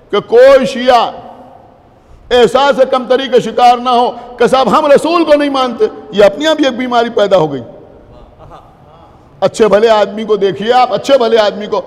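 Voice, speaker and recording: A male cleric with a Lucknow Urdu accent, delivering an impassioned sermon to a gathering, repeating phrases and shouting rhetorical questions. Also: extremely high pitch, measured pace. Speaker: Shia cleric giving a majlis. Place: religious gathering hall. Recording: long reverb of a large hall.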